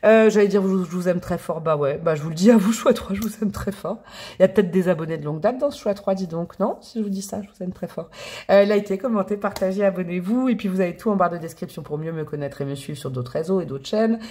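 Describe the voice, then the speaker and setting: A woman's voice: on the low side, quick pace, mellow. Chatty, playful woman reading tarot cards. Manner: chatty and playful, with affectionate pet names. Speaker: tarot reader. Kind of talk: casual tarot reading to camera.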